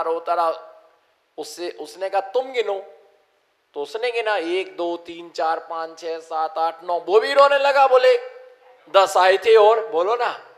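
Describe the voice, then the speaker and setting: A man's voice: high voice, long reverb tail. A man, a Jain monk, giving a sermon, telling a story and acting out the counting, and calling on listeners to repeat after him.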